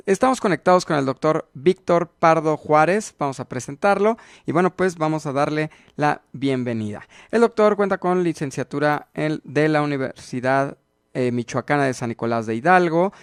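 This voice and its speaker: A man's voice: mid-range voice, clean tone, no room sound, studio quality. A man hosting an online dental webinar, formally introducing the guest speaker with effusive thanks. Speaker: webinar host.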